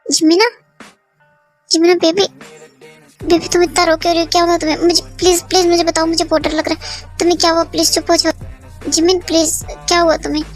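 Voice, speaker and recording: A young performer voicing a worried young man who keeps begging his crying partner to calm down. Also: extremely high pitch, brisk, long pauses, soft background music. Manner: soothing, repetitive, worried. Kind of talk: Hindi fan dub drama.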